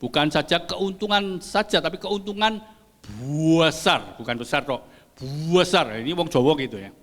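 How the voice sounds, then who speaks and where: An older man preaching a sermon as pastor, lively and joking with the congregation. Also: fairly high pitch, fast talker. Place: church hall. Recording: long church hall reverb.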